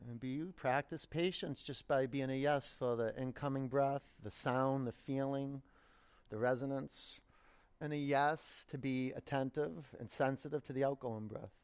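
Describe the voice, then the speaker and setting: Male yoga teacher, medium pitch, leading meditation in short, unhurried phrases with room to breathe. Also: fairly even intonation, a little mellow, clean tone. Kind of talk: guided yoga and meditation instruction.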